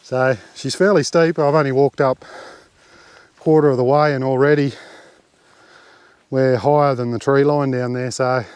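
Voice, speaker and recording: Australian man, relaxed rambling commentary, outdoors on a bush trail, handheld camera mic, animal sounds behind. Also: mid-range voice, normal speed, long pauses, smooth, no echo. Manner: relaxed, rambling, many fillers. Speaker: camping vlogger. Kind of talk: casual walking commentary. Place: outdoors on a bush hiking track.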